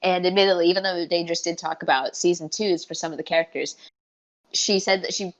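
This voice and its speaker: A woman's voice: on the low side, steady tone, quick pace. A woman co-hosting a podcast in casual chat, eager and rambling, often restarting her sentences. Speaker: podcast co-host.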